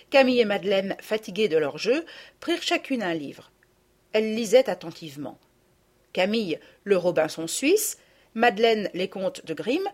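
A woman narrating a storybook with expressive, animated reading. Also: medium pitch, slightly rough.

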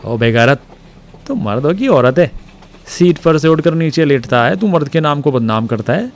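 A man voicing a boastful, mocking Pathan man who taunts loudly in broken speech. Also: a little high, lively intonation, moderate pace, a little hiss or hum, pitched above the performer's own voice.

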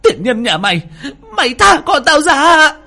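A man's voice: very high-pitched, sing-song, a little slow, creaky, bright, forceful tone, voice pushed up, exaggerated voice. A man shrieking as a frantic, desperate mother. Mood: furious. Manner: shrieking, crying out in despair. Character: terrified middle-aged mother, frantic and furious.

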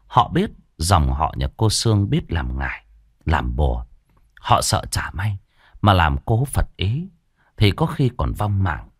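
A man reading a horror story aloud in a dramatic, expressive way. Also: lowish voice, breathy edge, no echo, studio quality. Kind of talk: scripted horror story narration.

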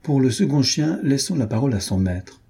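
A man narrating a classic short story for an audiobook in a measured, wry way. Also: mid-range voice, animated, vocal fry, mellow, slightly rough.

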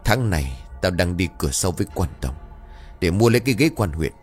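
A man voicing a furious, scheming old village landlord who shouts and rages at his son. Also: low-pitched, animated, brisk, faint music behind. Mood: threatening. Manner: shouting and raging.

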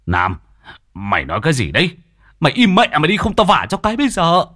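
A man playing a rough, hot-tempered grown son who barks harsh threats. His lively delivery is recorded close and dry. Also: on the high side, fast talker, dry recording, pitched above the performer's own voice, exaggerated voice. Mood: angry.

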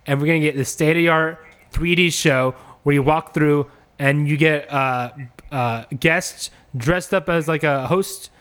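A man with a slightly high voice, riffing casually through a joke pitch. He rambles, stacking "like" and "you know" as he goes, keeping a loose, unhurried comic delivery. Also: fairly bright tone. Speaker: comedy podcast host pitching ideas.

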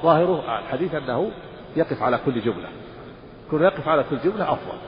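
A man's voice: on the high side, animated, quick pace. A man, an Islamic scholar, teaching a religious lesson, explaining rules and briefly intoning the phrases he discusses. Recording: dull lo-fi audio with long hall reverb.

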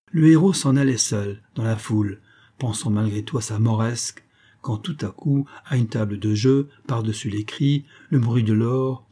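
A man narrating a classic novel aloud in a measured, expressive audiobook reading. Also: medium pitch, breathy edge. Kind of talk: scripted narration.

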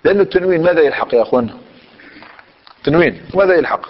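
A man's voice: a little high, expressive, rapid-fire. Guy teaching grammar, keeps quizzing the class and repeating answers, dull recording with long hall echo. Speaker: Islamic scholar teaching Arabic grammar.

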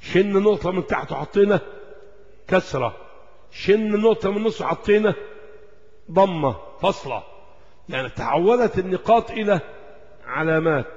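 A man with an Egyptian Arabic accent teaches a religious class, tossing out questions and answering them himself. His voice sits high for a man. The recording is dull and carries the long echo of a large hall. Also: animated, normal speed, pauses often, darkish tone. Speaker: Islamic lecturer. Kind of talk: religious lesson explaining Quran script.

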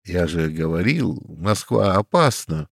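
A man voicing a composed gentleman who keeps insisting on danger. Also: low-pitched, measured pace, creaky, no echo, clean studio sound, heavily acted. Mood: insistent. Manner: calm, insistent.

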